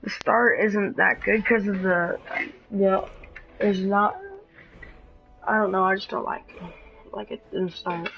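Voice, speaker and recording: Slow, creaky-voiced woman streaming a game. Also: medium pitch, steady tone, over music. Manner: rambling, halting, with frequent restarts. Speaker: gaming streamer. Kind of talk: casual live-stream commentary. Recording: dull lo-fi stream audio with faint noise.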